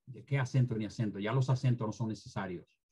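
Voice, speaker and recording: A man's voice: lowish voice, fast talker, warm tone, slightly rough. A former Spanish teacher being interviewed, a man who speaks emphatically and lectures about careless language use. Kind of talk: interview, opinionated commentary on language.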